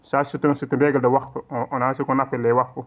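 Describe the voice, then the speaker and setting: In an online lesson on recitation rules, a man with a medium-pitched, level voice explains things patiently and repeatedly, checking in often. For demonstrations he recites slowly and drawn out, all over tinny, phone-like audio.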